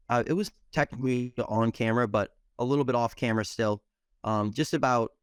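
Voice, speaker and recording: Young pizza guy talking shop, lowish smooth voice, dry close sound, lots of ums. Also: dry recording. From United States. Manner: steady, explanatory, frequent ums. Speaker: pizzeria owner. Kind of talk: casual interview answers.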